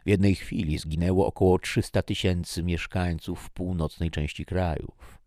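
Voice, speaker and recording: Super deep male narrator reading a story, dry no-echo sound. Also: steady tone, moderate pace, darkish tone. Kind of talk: audiobook reading.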